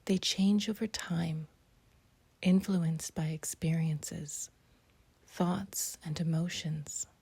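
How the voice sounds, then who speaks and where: In a very husky, breathy near-whisper, a woman leads a meditation. Her voice is mellow, lowish, and creaky, with a steady tone. She offers short, gentle phrases separated by long pauses.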